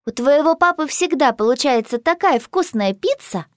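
A woman voicing a cheerful young girl who speaks in a bright, gushing, excited way. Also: high voice, normal speed, no echo, studio quality, pitched above the performer's own voice. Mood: bubbly.

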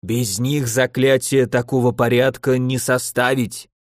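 A man voicing an ancient, irritable archmage who speaks in a slow, drawn-out growl in an audiobook. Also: mid-range voice, level tone, no echo, clean studio sound, close to an everyday voice. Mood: musing. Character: ancient irritable male archmage, stern and grumpy.

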